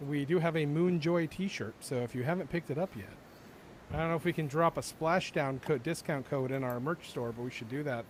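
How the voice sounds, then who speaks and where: A male co-host chats enthusiastically on a livestream panel, his voice sitting a bit high for a man. He rambles warmly through fillers and restarts. A faint noise sits under the recording. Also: brisk. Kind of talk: casual panel chat.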